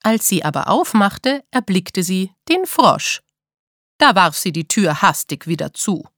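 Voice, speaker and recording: A woman reading a fairy tale aloud in a clear, expressive way. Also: mid-range voice, unhurried, no room sound, clean studio sound. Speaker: storyteller. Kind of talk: storybook reading.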